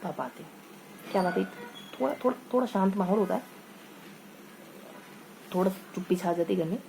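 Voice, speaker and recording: A woman's voice: mid-range voice, a little fast, gravelly, warm tone, a little hiss or hum, poor audio. A woman teacher giving an online exam-prep lesson, telling motivational stories in a chatty way and often adding tag questions. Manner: conversational, frequent tag questions; motivational storytelling.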